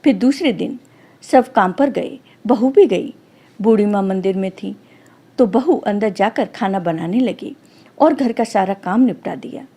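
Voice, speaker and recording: A woman calmly narrating a devotional folk story as a storyteller. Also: medium pitch, unhurried.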